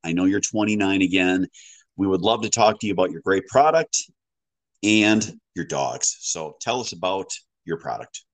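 Deep-voiced man hosting a podcast. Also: lively intonation, moderate pace, no echo, rough recording. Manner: friendly, folksy, joking. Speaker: podcast host and dog breeder. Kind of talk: casual podcast interview.

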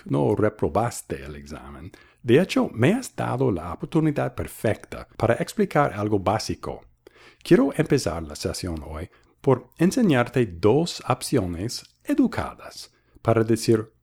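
A man's voice: fairly low pitch, huge pitch swings, a little slow, vocal fry, darkish tone, slightly rough. A man hosting a bilingual English lesson, patiently modelling phrases and repeating them for practice. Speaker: English teacher and host.

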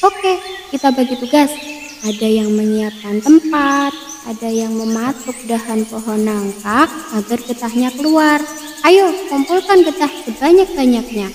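Woman voicing chirpy little sparrows, high and eager, long reverb, faint birdsong. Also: measured pace, slight background noise, close to an everyday voice. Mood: determined. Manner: bright, excited, higher than her narration. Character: small eager sparrows, cheerful but worried.

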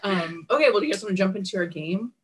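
A woman's voice: medium pitch, quick pace. A woman co-hosting a casual chat, reading quotes aloud for guests to guess and laughing often. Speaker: co-host.

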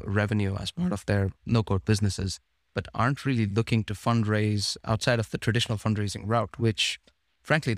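A podcast host rambles through a casual interview, restarting phrases and leaning on fillers. His voice sits on the low side, and the recording is dry with clean studio sound.

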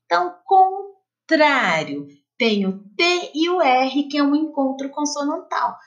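A woman teacher with a Brazilian Portuguese accent, patiently explaining homework exercises to children in a slow, sing-song classroom voice. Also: high voice, big pitch swings, lo-fi sound.

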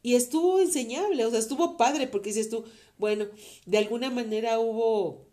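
Woman, Mexican accent, warm relaxed timbre, casual heartfelt talk, many fillers. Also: on the high side, moderate pace. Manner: earnest, faith-filled, rambling with many fillers. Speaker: interview guest, mother of the host.

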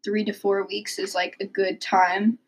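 A woman's voice: mid-range voice, level tone, a little slow, a little hiss or hum. A young woman from Illinois co-hosting a podcast in casual chat, rambling and laughing often. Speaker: podcast co-host.

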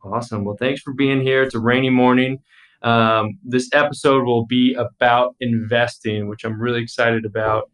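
A man's voice: medium pitch, steady tone, moderate pace, fairly bright tone. An American man hosting a podcast, introducing the episode and interviewing a guest. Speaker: podcast host.

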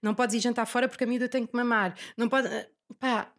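A woman's voice: fairly high pitch, steady tone, quick pace, fairly bright tone. A young woman chatting candidly as an interview guest, blunt, slangy and self-deprecating. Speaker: podcast guest, stand-up comedian. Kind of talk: casual, candid interview chat.

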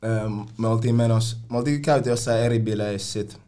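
A man's voice: medium pitch, mellow, a little hiss or hum. A young man telling party stories in casual chat, full of slang and swearing, often mimicking other people.

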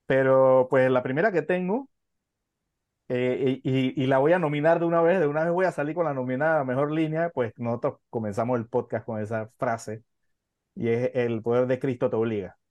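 A man's voice: mid-range voice, steady tone, fairly quick, darkish tone, dry recording. A man co-hosting a film podcast in casual chat, hesitant, with many fillers and restarts. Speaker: podcast co-host.

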